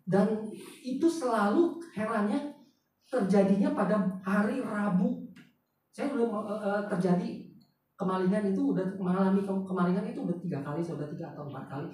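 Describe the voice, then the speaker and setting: A pastor telling a personal story in a sermon, chatting with the congregation and often asking them questions. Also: male voice, high-pitched, a little fast, a little mellow. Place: large church hall. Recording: very echoey hall, voice picked up from far off, faint noise.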